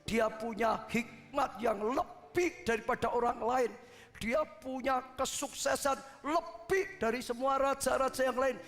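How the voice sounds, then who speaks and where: A man preaching a sermon with passion, swinging from loud peaks to hushed asides. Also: very high-pitched, measured pace, long reverb tail, soft background music. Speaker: pastor.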